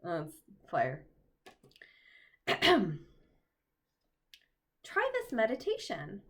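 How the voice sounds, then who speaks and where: A woman's voice: on the low side, wildly swooping pitch, extremely slow, a bit bright. A woman reading aloud and guiding a meditation in a casual way, joking between passages and laughing at her own asides. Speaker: oracle card reader and storyteller.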